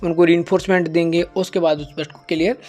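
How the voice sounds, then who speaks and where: A man's voice: a little high, flat delivery, darkish tone. Man explaining a lesson plan. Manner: explains in Hindi, reads English lines slowly and deliberately. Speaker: teacher educator.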